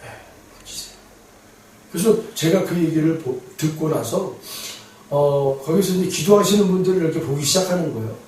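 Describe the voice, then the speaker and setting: A middle-aged male pastor preaching a sermon, telling a story with animated, emphatic, repetitive phrasing. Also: fairly high pitch, normal speed, a little hiss or hum. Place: large church sanctuary. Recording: echoey hall from far off.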